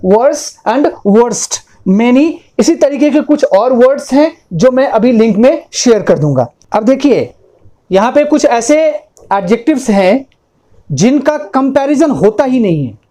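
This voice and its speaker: A woman gives a classroom-style grammar lesson in a mellow, soft-toned voice. She speaks slowly and deliberately, often checking in with her listeners and repeating each word form so it sinks in. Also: a little high. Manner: explains step by step with rhetorical questions and "ठीक है", "right?". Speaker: English grammar teacher.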